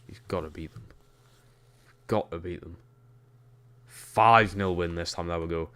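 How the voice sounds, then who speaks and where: A young Geordie streamer from Newcastle, England gives unhurried, casual commentary on a football game while reading chat. His voice is deep and steady, with a fairly bright tone.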